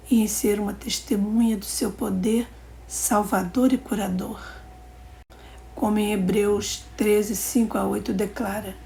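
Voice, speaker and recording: Woman narrator, mellow and slightly gravelly, for a calm, measured religious testimony reading. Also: medium pitch, a little hiss or hum.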